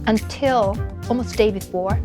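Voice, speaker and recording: A woman's voice: mid-range voice, unhurried, over music. A woman speaking casually and candidly, as a participant in an interview. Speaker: travel show participant.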